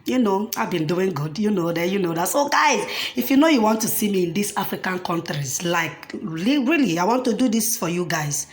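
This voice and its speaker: A woman's voice: medium pitch, animated, brisk, few pauses, slight background noise. A young woman vlogger chatting casually to her viewers, affectionate and repetitive, calling herself by her own name. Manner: affectionate, chatty, repeats herself, talks about herself in the third person. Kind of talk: casual talk to camera.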